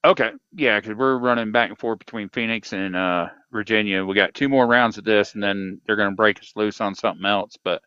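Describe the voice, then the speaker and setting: A man's voice: fairly low pitch, brisk, few pauses, pushed and bright, clean tone, no echo. A man calling in over a sideband CB radio, slightly off-tune, chatting in a laid-back, rambling way as a pilot car driver. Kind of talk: casual chat over the radio. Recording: muffled lo-fi radio transmission.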